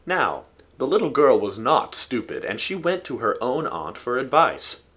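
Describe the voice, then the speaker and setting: A man narrating a folk tale in a steady, expressive storytelling manner. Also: medium pitch, unhurried, slightly rough.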